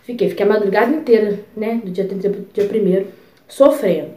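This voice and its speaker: A young woman vlogger telling a personal story in a chatty, expressive way, full of asides. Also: medium pitch, fairly quick, roomy sound. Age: young adult. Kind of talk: casual storytelling.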